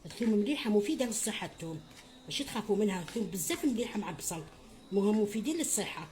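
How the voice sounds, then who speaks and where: A middle-aged woman with an Algerian Arabic accent gives a home cooking tutorial in a medium-pitched, expressive voice with a dark tone, talking very fast. She's chatty and motherly, calling her viewers her children and sprinkling in blessings.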